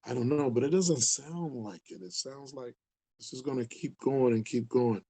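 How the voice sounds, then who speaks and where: This earnest community outreach leader, a man in his sixties from the Upper Midwest, speaks casually to camera with a medium-pitched, dark voice at a moderate pace. He wanders a bit and repeats himself to drive points home.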